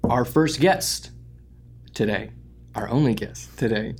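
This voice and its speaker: A man hosts a casual interview show, chatty and relaxed. He jokes easily with his guest and keeps an easygoing tone throughout. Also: medium pitch, takes it slowly, noisy background. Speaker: podcast host.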